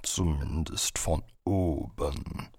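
A deep, rumbling sea troll, speaking very slowly with a husky, gravelly rasp. He stays cool and unhurried, and the voice is close and dry. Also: darkish tone, dry recording, exaggerated voice. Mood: calm, ominous. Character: deep, cold sea troll, calm and matter-of-fact. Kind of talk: audiobook reading.

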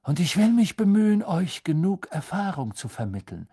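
A man voicing an eccentric older female fortune-telling teacher in an audiobook, drawn-out and airy, at times sinking to a breathy whisper. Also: high-pitched, big pitch swings, mellow, voice pushed up, exaggerated voice. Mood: mystical, solemn. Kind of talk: audiobook character voice.

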